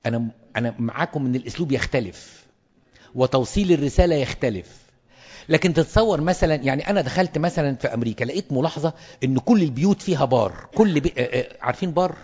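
A man's voice: mid-range voice, lively intonation, racing, a little mellow. Man, Egyptian Arabic accent, clergy lecture, emphatic repetition, dull echoey hall recording. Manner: emphatic, repeats words for stress. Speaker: clergyman teaching priests.

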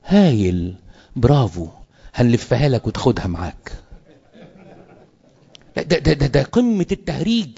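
A man speaking with an Egyptian Arabic accent, a priest addressing fellow clergy in an animated sermon-style talk full of rhetorical questions. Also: medium pitch, normal speed, vocal fry, long pauses, husky, dull audio.

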